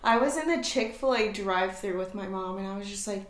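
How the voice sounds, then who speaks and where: A woman's voice: medium pitch, a little fast. A woman in her twenties, a podcast guest telling personal stories in a casual, chatty way with many fillers. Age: 20s. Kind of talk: casual storytelling chat. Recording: roomy echoey room.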